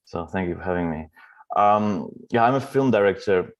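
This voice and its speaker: A man from Russia with a very deep voice introduces himself as a film director at an online panel. He speaks in a loose, relaxed way with fillers, and he is heard over a video call. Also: normal speed, lo-fi sound. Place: home at night.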